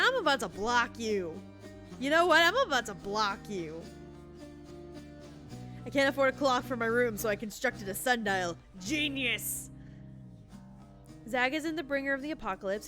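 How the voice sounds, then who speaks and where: A woman's voice: fairly high pitch, fairly bright tone. A woman streaming a game, joking and chatting with viewers in casual commentary.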